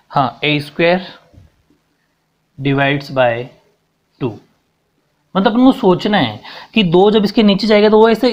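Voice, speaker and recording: A young male teacher working through a proof on the board, with a voice pitched a little high for a man. He goes step by step and keeps asking the class whether they follow. The recording is dull and lo-fi. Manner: explains step by step, mixing in English terms, keeps checking understanding. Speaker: math teacher. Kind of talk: whiteboard math lesson.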